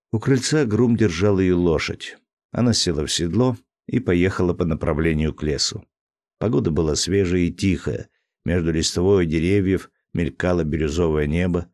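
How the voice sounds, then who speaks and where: A man reads an audiobook in a very low voice. His narration is measured and even. The studio sound is dry, with no room echo. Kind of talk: scripted narration.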